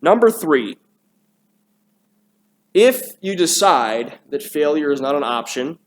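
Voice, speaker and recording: A man delivering a sermon from the pulpit, his voice sitting a little higher than most men's. He talks casually and conversationally, doubling back on words and dropping in asides to the congregation. Recorded on a church mic. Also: very animated, takes it slowly, a little hiss or hum. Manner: conversational, with frequent restarts and asides. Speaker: preacher. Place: church sanctuary.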